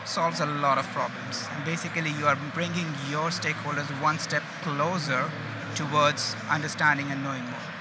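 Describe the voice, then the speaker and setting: His voice sits fairly high with a steady tone, moving at a moderate pace with hardly any pauses. The man, an Indian data engineering manager, presents conversationally at a conference, frequently checking in with the audience, while loud noise from the busy exhibition hall surrounds his open stage.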